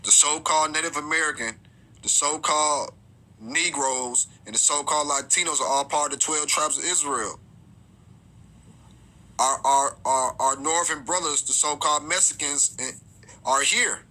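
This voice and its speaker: A man teaching scripture informally, reading verses aloud slowly and often stumbling and repeating his words. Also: on the high side, sharp tone, poor audio.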